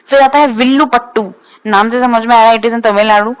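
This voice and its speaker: Woman teaching in a quick explaining voice. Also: a little high, steady tone, clear, resonant tone. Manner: explanatory, repeats key facts, frequent "thik hai" check-ins. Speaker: exam coaching teacher. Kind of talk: explaining lecture in Hinglish.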